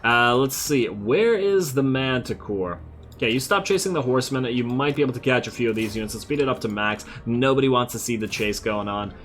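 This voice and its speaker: A man's voice: medium pitch, animated, brisk, fairly bright tone. Casual male gamer thinking aloud. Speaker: gamer, host of a let's play series. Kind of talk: casual strategy game commentary. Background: game music.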